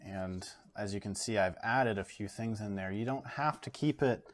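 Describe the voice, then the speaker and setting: With a lowish voice and a Canadian accent, a relaxed art educator gives a casual drawing lesson from his home studio, filling pauses and thinking aloud as he draws. An overhead camera captures his work on the table.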